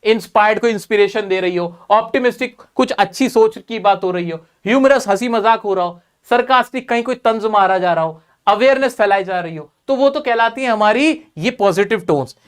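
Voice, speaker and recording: A man's voice: sits high, a little fast, hardly any pauses, clear, resonant tone. A man teaching an exam-prep class, repeating key points and quizzing his students.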